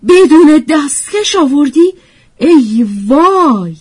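A woman's voice: sits low, animated, creaky, a little mellow, breathy edge, heavily acted. A woman voicing a slender, anxious book-loving woman in a storybook reading. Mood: shrill alarm.

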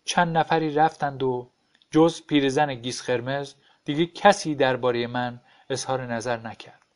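Calm, detached male narrator. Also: mid-range voice. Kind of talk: audiobook story reading.

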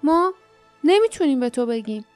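A woman's voice: high-pitched, animated, a little mellow, dry recording, soft background music, pitched above the performer's own voice. A woman voicing a frightened, desperate teenage boy traveler who cries out and pleads, in a storybook reading. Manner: pleading, crying out.

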